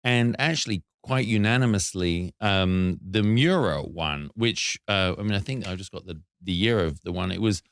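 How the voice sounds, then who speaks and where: A man hosts an interview from a studio, his voice sitting on the low side. He speaks earnestly and reflectively, and the recording is close and dry with no room sound. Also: moderate pace, few pauses, fairly bright tone, clean tone, no echo. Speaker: show host. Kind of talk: casual interview chat.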